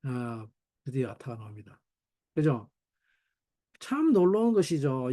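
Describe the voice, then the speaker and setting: A middle-aged man teaching a Bible study in sermon style, asking rhetorical questions and voicing quoted people. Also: a little high. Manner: animated, rhetorical questions, voices his wife in quotes.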